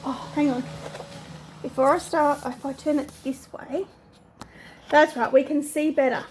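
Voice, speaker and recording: High-voiced sweet old lady reading a storybook. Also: measured pace, a little hiss or hum, low-quality recording. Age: older. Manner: animated, expressive reading. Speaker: grandmother reading to grandchildren. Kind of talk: storybook read-aloud with chatty asides.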